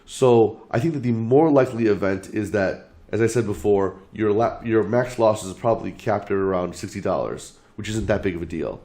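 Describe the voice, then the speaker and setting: A channel host with a lowish, dark-toned voice lays out his market outlook point by point. He's losing his voice to illness but stays measured and orderly.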